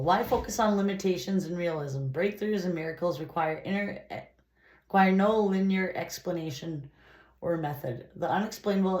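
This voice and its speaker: A tarot reader with a cold-stuffed nose chats and rambles through a reading, reading the card messages aloud. Her voice is fairly low and a bit dark in tone. The room echoes, and noise comes through clearly.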